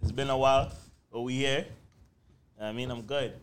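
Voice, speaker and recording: A man's voice: medium pitch, fairly even intonation, normal speed. A man with a Toronto accent co-hosting a podcast, joking in heavy slang and repeating himself. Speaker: podcast co-host. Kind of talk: casual slangy banter. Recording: clearly noisy background.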